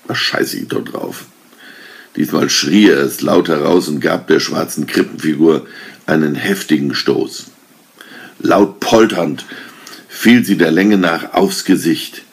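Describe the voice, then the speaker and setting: A man reads a Christmas story aloud in a measured, calm way. His voice is low and gravelly, with a husky grain, and he takes his time. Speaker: reader.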